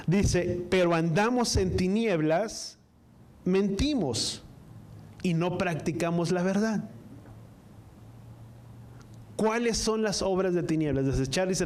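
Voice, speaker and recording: A man preaching a sermon to a congregation, reading scripture slowly line by line and asking the listeners to repeat after him. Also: high voice, a little mellow. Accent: Spanish-speaking, from the US-Mexico border. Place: church service, also streamed online.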